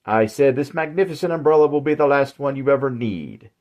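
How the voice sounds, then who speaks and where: Man putting on a sinister old salesman, courtly, folksy, higher than his own voice, storybook horror. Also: lively intonation, brisk, darkish tone, natural voice. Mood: silky. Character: polite sinister old male umbrella salesman.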